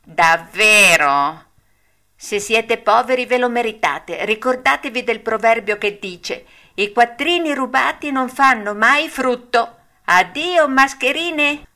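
A cheeky little wooden puppet boy with a high, bright voice, played by a woman reading a storybook. He scolds and mocks in a lively, sing-song way, and his words come out crisp and sharp. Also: slow, exaggerated voice. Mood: mocking. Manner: scolding, mocking.

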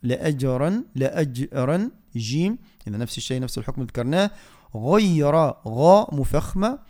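A man teaching Quran recitation on the radio, explaining softly and then chanting verses slowly. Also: on the high side, sing-song. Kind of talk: tajweed lesson with chanted recitation. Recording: radio studio.

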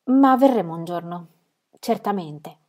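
In a storybook reading, a sensible young woman speaks firmly and earnestly, in a mellow, slightly raised voice, as a woman narrator acts her out. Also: fairly low pitch, lively intonation, a little slow.

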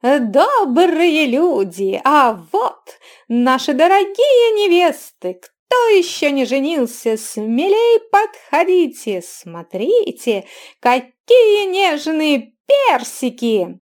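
A woman voicing a pushy, flattering young male bazaar barker who calls out in high, drawn-out, loud cries. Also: exaggerated voice. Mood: hawking.

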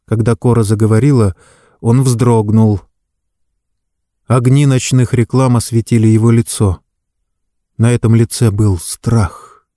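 A man narrating a story in a measured, dramatic reading. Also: mid-range voice, fairly even intonation, mellow, no echo, studio quality. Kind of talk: audiobook narration.

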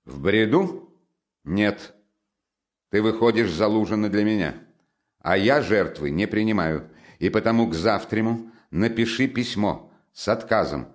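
A man's voice: on the low side, unhurried, close to an everyday voice. A man voicing a feverish, irritable young man in a spoken storybook, strained and insistent.

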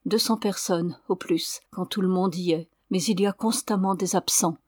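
A woman's voice: on the low side, fairly even intonation, moderate pace, husky, no room sound, studio quality. A woman reading the lines of an earnest, sorrowful young Indian man in an audiobook.

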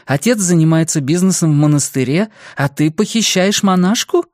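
A worried middle-aged mother, high and swooping, her voice leaping up whenever she scolds or exclaims, as a male reader puts her on. The sound is close and dry, a plain audiobook read. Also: lively intonation, darkish tone, no echo, lightly acted. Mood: alarmed. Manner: shrill, emotional, quick to exclaim. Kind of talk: audiobook character voice.

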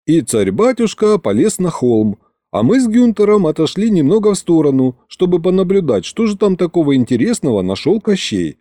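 A man narrating a fantasy story in the first person, in a wry, lively way. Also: high-pitched, normal speed, no echo, clean studio sound. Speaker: audiobook narrator.

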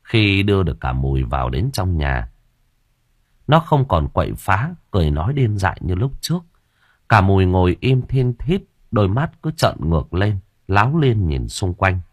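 A male storyteller reads an audiobook with a husky, low voice. His telling is dramatic, with a lot of rise and fall in pitch. The sound is close and dry. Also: sing-song, moderate pace, dry recording. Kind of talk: audiobook narration.

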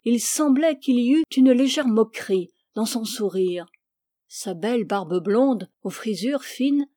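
A woman narrates a classic tale as an audiobook reader. Her reading is measured and expressive, and her voice is warm and mellow. The recording is close and dry. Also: mid-range voice, no echo.

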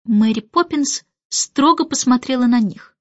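High-voiced woman reading a story. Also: unhurried, no room sound. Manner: expressive storytelling. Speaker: audiobook narrator. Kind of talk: scripted narration. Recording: dry, slightly dull recording.

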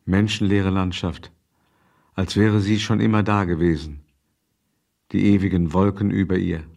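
A man calmly describing a landscape photograph in a literary radio feature. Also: deep voice, a little slow, vocal fry. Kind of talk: descriptive narration.

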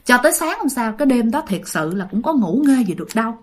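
Woman, chatty ghost-story narrator, high, lively, repeats for effect. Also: fast talker. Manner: animated, repetitive, addresses listeners directly. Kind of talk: conversational ghost story telling.

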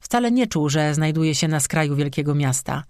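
Audiobook narrator with a wry, sarcastic delivery, dry close recording, mid pitch. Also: animated, normal speed, a little mellow, no echo.

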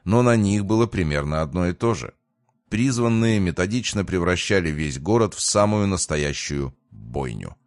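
A man calmly narrating a first-person audiobook in a measured way. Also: deep voice, dry recording, clean studio sound.

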